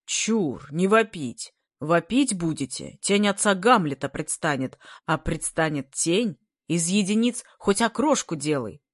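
Woman reader playing a loud, blustering schoolboy lookout, raised voice. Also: fairly low pitch, expressive, unhurried, few pauses, no room sound, studio quality. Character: shaggy-haired schoolboy lookout, booming.

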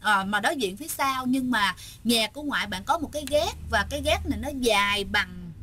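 A woman's voice: on the high side, expressive, a little fast, sharp tone, a little hiss or hum. A woman casually telling a ghost story, often turning to address her listeners.

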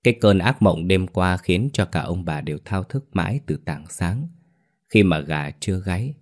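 A man narrating a ghost story in a slow, somber way. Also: deep voice, animated.

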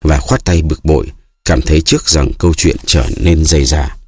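A man reading an audiobook aloud in a steady, measured narration. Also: very deep voice, slightly rough, no room sound, studio quality. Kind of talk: scripted narration.

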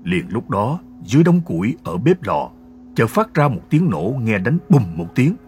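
A man narrating a folk ghost story in a dramatic, expressive storytelling manner. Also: mid-range voice, normal speed. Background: faint music.

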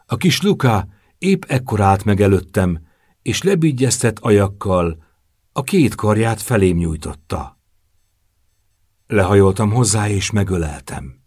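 A man reads a first-person novel in a measured, subdued way. His low voice has a husky grain. The recording is close and very dry, with no room sound. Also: lively intonation, darkish tone, no room sound. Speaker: audiobook narrator. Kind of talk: first-person audiobook narration.

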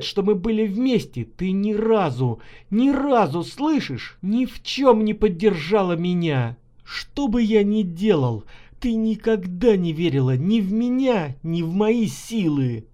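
A man reading an audiobook and voicing a bitter, despairing husband in his thirties who speaks low and slow. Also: expressive, darkish tone. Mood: shouting bitterly. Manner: bitter, weary, contemptuous.

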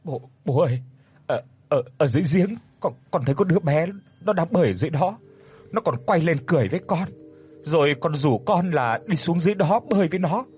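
A man's voice: lively intonation, brisk, a little mellow, slightly rough, soft background music. A man voicing a terrified twenty-year-old woman who stammers in a raised, trembling voice. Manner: stammering, high-pitched, trembling.

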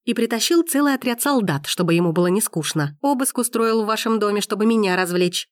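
A woman's voice: mid-range voice, animated, a little fast, no echo, studio quality, voice pushed up, close to an everyday voice. Woman voicing a fiery indignant young heroine. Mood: furious. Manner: heated, accusing, exclaiming.

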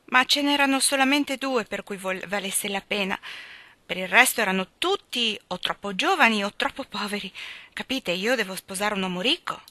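A woman's voice: medium pitch, expressive, normal speed, pushed and bright, no echo. A woman voicing a flighty, vain eighteen-year-old rich girl in an audiobook, gushing and theatrical. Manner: theatrical, gushing, swooping emphasis. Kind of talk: audiobook character reading.

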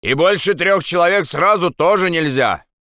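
A man's voice: a little high, lively intonation, measured pace, bright, forceful tone, clean tone, no echo, studio quality, pitched above the performer's own voice. A man voicing suspicious, mocking male soldiers on guard who bark orders. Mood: suspicious commanding.

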